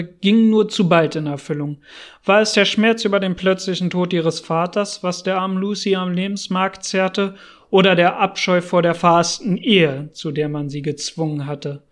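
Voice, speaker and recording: A man narrating a story aloud in a measured storytelling manner. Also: high voice. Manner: measured storytelling reading with voiced dialogue. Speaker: audiobook narrator. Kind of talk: scripted narration.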